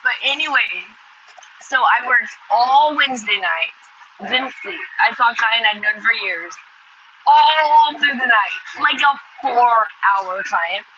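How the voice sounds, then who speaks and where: A woman's voice: fairly high pitch, slow. A woman in her forties vlogging in casual chat, rambling and frank with lots of fillers. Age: 40s. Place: Manhattan venue, charging phone. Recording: dull lo-fi sound with steady background noise.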